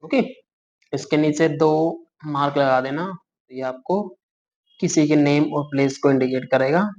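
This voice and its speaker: Male shorthand tutor: unhurried, spells out letters, calls students "beta", dull lo-fi sound. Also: a little high, a little mellow, a little hiss or hum. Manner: slow, patient, spells words out letter by letter and asks "clear?"; calls students "beta", corrects himself as he draws. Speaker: shorthand teacher. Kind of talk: explaining shorthand outlines for dictation words. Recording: muffled lo-fi recording.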